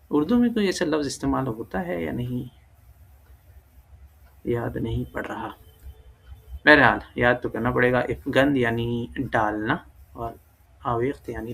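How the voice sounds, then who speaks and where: Gravelly man teaching casually. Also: medium pitch, fairly bright tone. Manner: thinks aloud, self-correcting, many fillers. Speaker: language teacher. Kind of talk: casual screen-recorded lesson.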